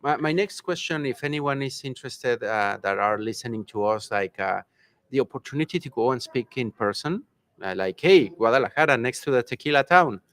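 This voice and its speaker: A man's voice: mid-range voice, lively intonation, a little fast, fairly bright tone, no echo. A man interviewing a guest at a conference in a casual, upbeat, promotional way.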